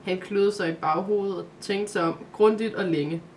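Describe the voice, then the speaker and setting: A woman narrating a Christmas calendar story aloud, in a calm, steady way. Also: medium pitch, slight background noise.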